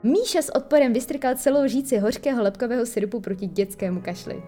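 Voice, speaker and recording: A woman narrating a children's story in an expressive, lively storytelling manner. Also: fairly high pitch, faint music behind. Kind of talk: audiobook reading of a children's story.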